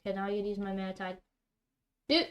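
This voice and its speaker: A woman's voice: mid-range voice, monotone, fast, slight background noise. Exasperated woman narrating her card game. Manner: talks to herself, exasperated outbursts over bad luck. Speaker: streamer playing a card game. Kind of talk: live gameplay commentary.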